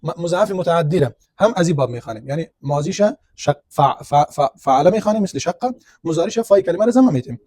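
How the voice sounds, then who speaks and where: A man's voice: on the high side, animated, warm tone, slightly rough. A man teaching a grammar lesson, explaining step by step and asking and answering his own questions. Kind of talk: classroom lecture on grammar.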